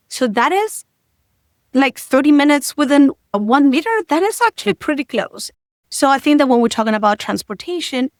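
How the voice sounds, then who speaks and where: A woman's voice: medium pitch, no room sound. Woman doctor, dry close sound. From Argentina. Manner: measured, explanatory, frequent "like" and "right?". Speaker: infectious disease physician guest. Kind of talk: expert interview answer.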